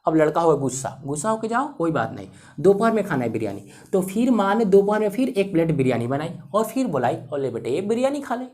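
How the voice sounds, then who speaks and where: A man's voice: fairly high pitch, very animated, fairly quick, darkish tone. A male teacher telling a motivational story to students, repeating himself and asking the viewers rhetorical questions.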